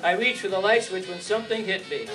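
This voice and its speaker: An older man performs a wisecracking, world-weary hard-boiled private eye for a 1950s-style noir radio piece, using a high voice and quick, lightly acted, slangy delivery with wry narration. It's a staged reading in a community hall, picked up by a stand microphone but heard from a distant camera, with room echo and music.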